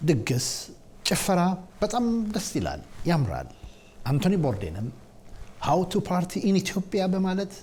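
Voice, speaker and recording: A man's voice: high-pitched, wildly swooping pitch, very fast, darkish tone, a little hiss or hum. A man presenting the news from a television studio in a formal announcing style. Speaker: news anchor.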